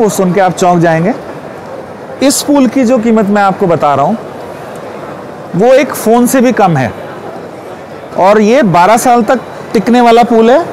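A man in his forties giving a confident, persuasive sales pitch at a stall in a large exhibition hall. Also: a little mellow, a little hiss or hum. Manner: confident, persuasive, gestures while explaining. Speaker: pool company representative.

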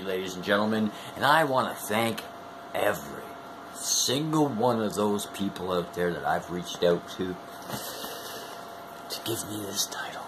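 Against a noisy background, a man in his forties speaks at medium pitch, delivering a theatrical wrestling promo to camera from a small room at home. As a wrestling fan video host playing the bombastic showman, he draws out his words and lets loose sudden whoops.

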